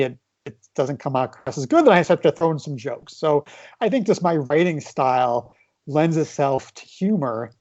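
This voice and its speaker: A man's voice: a little high, darkish tone. A man from the Midwest, a children's book author, chatting loosely in an interview, self-deprecating and full of fillers. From American Midwest. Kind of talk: casual interview. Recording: dull lo-fi sound.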